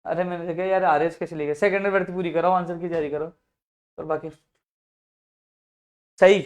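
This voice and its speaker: A man speaking as a youth activist to job seekers, fervent and full of rhetorical questions, swinging from soft lines to loud outbursts. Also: on the high side, fairly even intonation, fairly quick. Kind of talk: impassioned advocacy video.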